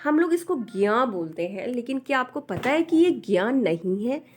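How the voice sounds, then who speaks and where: A woman's voice: on the high side, big pitch swings, normal speed, darkish tone. A woman teaching the Hindi alphabet in a patient, explanatory way, repeating each letter and often checking in with the learner. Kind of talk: slow explanatory lesson.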